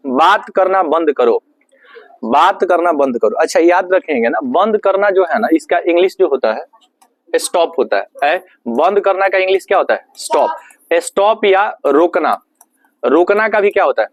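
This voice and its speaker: High-voiced teacher quizzing his class. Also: expressive, dry recording. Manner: asks the class questions and answers them himself; slows right down to spell out English phrases. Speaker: English teacher. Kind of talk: classroom lesson. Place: classroom with students.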